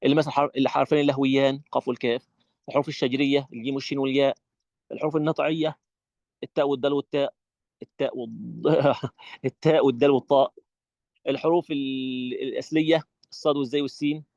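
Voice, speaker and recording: Fast animated Egyptian male teacher. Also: medium pitch, creaky, no echo, lo-fi sound. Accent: Egyptian Arabic. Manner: animated, demonstrative, acts out his classroom. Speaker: Quran recitation teacher. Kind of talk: online teacher training lesson.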